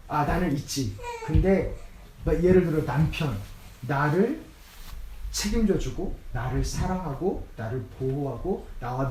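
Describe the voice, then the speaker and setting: Man pastor preaching, lively up-and-down voice, mellow tone, echoey church room heard from a distance. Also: a little high, a little hiss or hum. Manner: conversational, acts out scripture quotes. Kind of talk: sermon. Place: church sanctuary.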